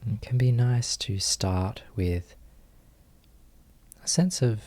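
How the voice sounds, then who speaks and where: His voice is lowish as he leads a guided meditation, a teacher speaking quietly and gently. He offers short phrases and leaves long pauses in between.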